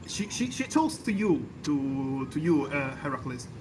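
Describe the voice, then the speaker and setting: A man with a high voice runs a tabletop game over voice chat, narrating what the characters do. He talks in a playful, teasing way and repeats words while he searches for the next one. Music plays clearly behind him. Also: big pitch swings, a little slow, poor audio. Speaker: game master.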